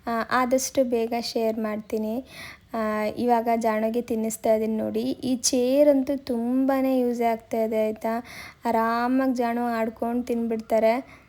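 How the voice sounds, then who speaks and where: A woman's voice: a little high, little pitch movement, measured pace, mellow. A young woman, a mother, narrating a casual home vlog and chatting through each step as she goes.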